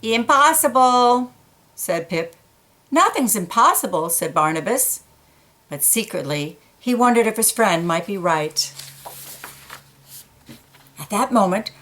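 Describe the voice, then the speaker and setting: Reading a picture book aloud to children, a woman sounds gentle and engaged, her voice fairly low. She stops now and then to point out small details in the illustrations before returning to the story.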